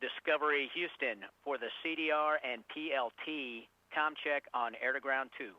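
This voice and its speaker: A man giving measured, formal procedural calls as a mission control communicator in astronaut radio style. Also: mid-range voice, dry recording. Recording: dull band-limited radio link.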